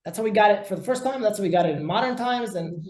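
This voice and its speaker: A man's voice: high-pitched, fast, a little mellow. Emphatic male rabbi teaching in an echoey room. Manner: emphatic, with frequent word repetitions. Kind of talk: class lecture with discussion.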